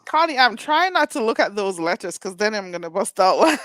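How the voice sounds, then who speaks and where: Lively chatty woman hosting a stream. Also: mid-range voice, moderate pace, no room sound. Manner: chatty storytelling, laughs often. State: stuffy nose. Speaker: live stream host. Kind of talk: casual live chat.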